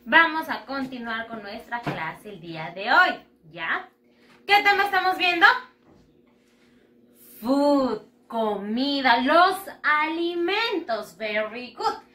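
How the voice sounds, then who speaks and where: A woman's voice: sits high, sing-song, slow pace, bright, forceful tone. Sing-song woman teaching children, echoey room. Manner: sing-song, encouraging, asks and answers her own questions. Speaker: English teacher. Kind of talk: bilingual lesson for young children.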